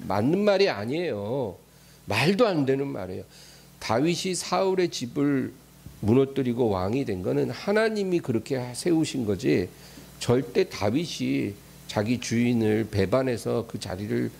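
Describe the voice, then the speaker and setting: A middle-aged male pastor delivers a weekday sermon in an everyday, emphatic tone. He repeats his points for stress. His mid-pitched voice has a gravelly fry, over a faint hiss. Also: animated, a little slow, darkish tone. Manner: colloquial, emphatic preaching with repetition.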